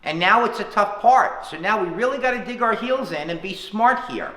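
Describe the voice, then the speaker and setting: A male town official leading a public conference call answers questions at a moderate pace, his bright, somewhat high voice full of lively intonation. Earnest and insistent, he counts off each point by number, all heard through a call line with a hollow, echoing quality.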